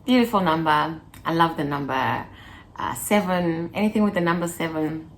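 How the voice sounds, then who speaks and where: Talking to her viewers in a vlog, this woman in her twenties has a low voice and a moderate pace, with a little hiss or hum on the recording. She's playful and chatty, slipping in small laughs and bits of song.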